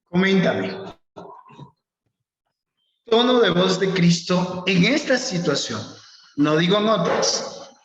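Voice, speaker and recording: A man's voice: sits high, lively intonation, slight background noise. A man teaching a preaching workshop online, reading scripture and calling on students by name. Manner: slow, instructive, calls on students by name. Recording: echoey, dull lo-fi room sound.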